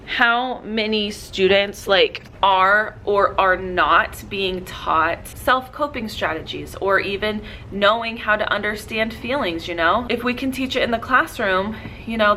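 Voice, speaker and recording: A woman's voice: medium pitch, fairly bright tone. A young woman teacher talking casually and chattily about her classroom lessons and materials. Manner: chatty, upbeat, with likes and you-knows. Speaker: teacher and podcast host. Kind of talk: casual tutorial talk.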